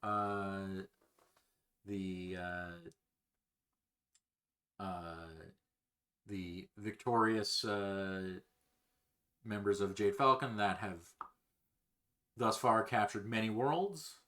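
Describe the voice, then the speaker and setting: Slow, halting male game master. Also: fairly low pitch, fairly even intonation, a bit bright. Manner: slow, halting, many fillers. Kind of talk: narrating a tabletop game over a call.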